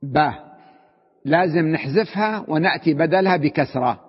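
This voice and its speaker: A man teaches a grammar lesson, his husky voice sitting a little high. He puts questions to the class, answers them himself and repeats words to drive each point home. The recording is dull and lo-fi, with a long reverb from a hall. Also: moderate pace. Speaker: sheikh teaching Arabic grammar.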